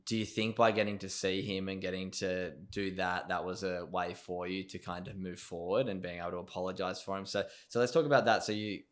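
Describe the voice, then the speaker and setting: A man hosting a podcast, chatting casually with halting phrasing as he searches for his words. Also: deep voice, fairly even intonation. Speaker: podcast host. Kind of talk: casual interview chat.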